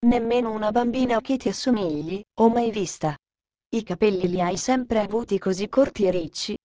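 A woman voicing a lonely twelve-year-old girl who chatters in a gentle, musing way. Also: mid-range voice, normal speed, no room sound, close to an everyday voice.

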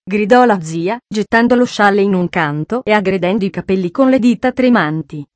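A woman with a mid-range voice narrates an audiobook in a measured, expressive storytelling style, with no room sound.

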